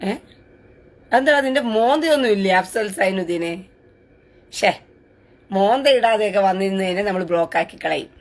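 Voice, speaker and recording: A woman's voice: medium pitch, normal speed, long pauses. A woman hosting a live-stream commentary. She reads out viewer comments and answers them in a taunting, sarcastic, crude way.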